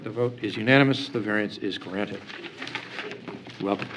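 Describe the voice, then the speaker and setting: A man's voice: fairly low pitch, moderate pace. A man chairing a public hearing, speaking in a rote, procedural official manner as he reads cases and puts formal questions. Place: indoor public hearing room. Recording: noisy meeting room recording.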